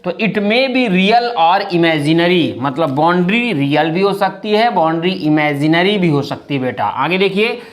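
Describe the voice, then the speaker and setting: A male chemistry teacher with a high-pitched, fairly bright voice gives a classroom lecture, calling his students "beta." He poses questions and answers them himself, often adding "thik hai na."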